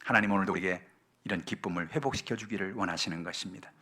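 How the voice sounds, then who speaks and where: Bright-voiced Korean preacher, swinging loud to soft. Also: male voice, deep voice, rapid-fire, breathy edge. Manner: animated preaching with wide swings in loudness, from loud calls down to near whispers; acts out voices in a Bible story. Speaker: pastor. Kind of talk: sermon.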